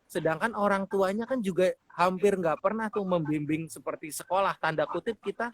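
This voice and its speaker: A man's voice: high-pitched, fairly quick, dry recording. A man hosting a radio talk show, chatting casually with his guest and telling anecdotes. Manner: chatty, tells anecdotes, addresses guest often. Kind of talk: casual interview chat.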